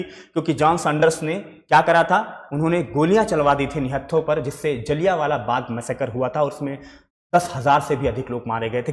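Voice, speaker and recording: A man's voice: fairly high pitch, in a large hall. A young Indian man teaching an exam-prep history lesson, mixing Hindi with English and answering his own questions. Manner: explains in Hindi mixed with English, asks questions and answers them himself. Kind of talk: recorded online lecture.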